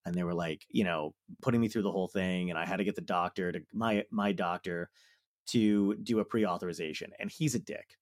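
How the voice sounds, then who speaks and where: A man's voice: sits low, brisk, dry recording, clean studio sound. A man, a comedian and podcast host, telling a story in casual chat, swearing freely and acting out both sides of a phone call.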